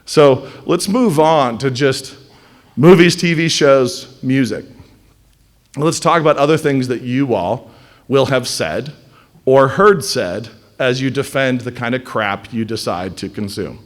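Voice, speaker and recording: A man giving a blunt, animated lecture to a live class, sometimes mocking the voices of others. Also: medium pitch, a little slow. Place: classroom or hall with audience.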